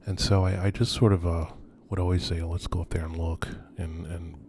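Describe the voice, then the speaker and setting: A very deep, gravelly male voice, flat and darkish, comes across subdued and halting, musing with phrases that trail off. The video host and urban explorer is narrating an unscripted tour of abandoned row houses at night, recorded on location with plenty of ambient noise.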